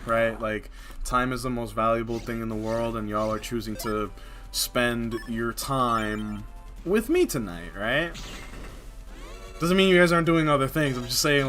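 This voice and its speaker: A man with a medium-pitched voice chatting loosely with his viewers while he plays a game. He rambles, leans on filler words and laughs often, with faint music playing behind him. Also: fairly bright tone. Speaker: game streamer. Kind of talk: casual live-stream chat while gaming.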